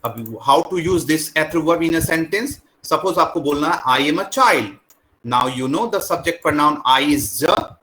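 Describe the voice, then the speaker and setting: A man with an Indian accent teaching a French class, slowly drilling the words and switching between English and Hindi. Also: on the high side, lively intonation, sharp tone, rough recording. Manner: slow, repetitive drilling, mixing English and Hindi. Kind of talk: classroom lesson.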